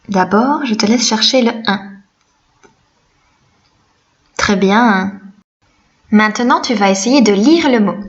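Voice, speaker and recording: A woman teaching a reading lesson to young children, slow, gentle and encouraging. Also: mid-range voice, highs cut off.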